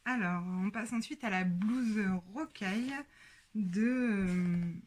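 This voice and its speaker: Hesitant French woman, unhurried show-and-tell host, moves on and off mic. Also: mid-range voice, a little mellow. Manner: hesitant, many pauses and fillers. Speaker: sewing podcast host.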